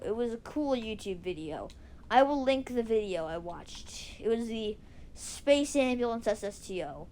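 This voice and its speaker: A woman with a squeaky voice giving casual, rambling gameplay commentary, often going off on tangents and restarting her sentences. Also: slight background noise, rough recording. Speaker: gaming video creator. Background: faint music and controller clicks.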